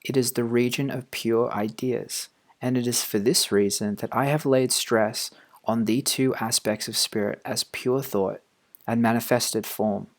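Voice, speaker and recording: Man quietly reading aloud, measured. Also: medium pitch, steady tone. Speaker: audiobook reader. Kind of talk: quiet scripted reading of a philosophy text.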